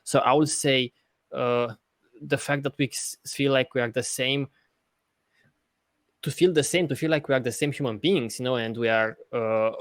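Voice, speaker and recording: An earnest man, his voice sitting in an ordinary middle register. He argues his case in a casual podcast chat, halting and restarting as he thinks aloud. The sound is close and dry. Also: mid-range voice, no echo. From Romania. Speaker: podcast host. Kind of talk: casual discussion.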